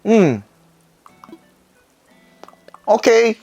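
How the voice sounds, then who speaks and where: Female streamer, chatty and playful, animated pitch, casual gameplay talk. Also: drawn-out words, breathy edge, highs cut off, soft background music. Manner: playful, chatty, talks to viewers. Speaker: game streamer.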